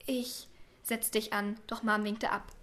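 A woman reading a first-person story aloud in a quiet, subdued way, sometimes dropping to a whisper. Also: on the high side, fairly even intonation, normal speed. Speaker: narrator.

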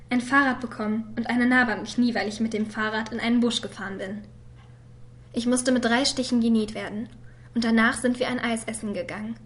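A woman voicing a quiet, hurt young girl who reads a letter to her father in a soft voice that sometimes drops to a whisper. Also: a little high, lightly acted. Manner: soft and subdued, at times whispered. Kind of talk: voice-over reading of a letter.

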